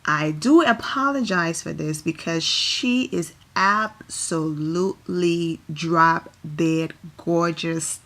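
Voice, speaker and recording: A Liberian fashion vlogger with a lowish, slightly bright voice chats about red-carpet looks in an enthusiastic, home-recorded commentary. She speaks slowly yet barely pauses, tossing in apologetic asides along the way.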